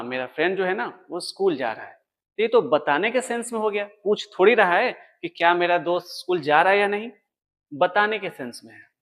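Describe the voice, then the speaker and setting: A man teaching an English grammar lesson, explaining step by step and answering his own questions. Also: sits high. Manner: writes on a board while explaining.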